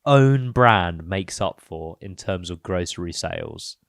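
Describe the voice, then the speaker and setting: A man's voice: low-pitched, expressive, a little slow, vocal fry, no room sound, studio quality. A young man with a British accent, co-hosting a casual podcast, quizzing his friend and reacting with emphatic slang. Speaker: podcast co-host. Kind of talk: casual chat.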